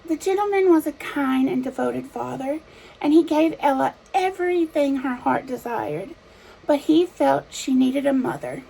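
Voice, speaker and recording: A woman storyteller narrating in a measured, simple fairy tale opening manner for small children, with a creaky voice. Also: high-pitched, lively intonation, mellow, poor audio.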